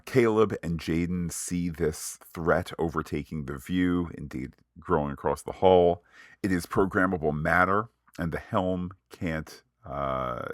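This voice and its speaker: A man's voice: low voice, a bit bright, no room sound, clean studio sound. A man hosting a podcast, recapping an episode with playful, mock-sarcastic asides. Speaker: podcast host.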